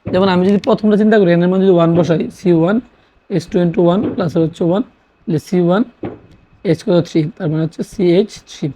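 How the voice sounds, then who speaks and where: A chemistry teacher from Bangladesh delivers a classroom lecture in a fast, husky, dark mid-range voice with fairly even intonation. They repeat key terms and pose questions they then answer themselves, captured on a dull lo-fi recording.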